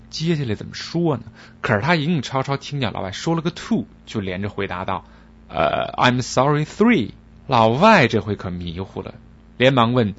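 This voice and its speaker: A man telling jokes in a chatty, expressive storytelling style. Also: mid-range voice, husky, highs cut off. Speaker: joke teller, show host. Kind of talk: comic storytelling.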